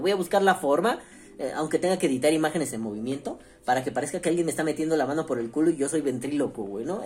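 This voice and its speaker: A man's voice: a little high, a little mellow. A man with a Mexican accent hosting a podcast, talking in a casual, profane, rambling way. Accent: Mexican Spanish. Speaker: podcast host.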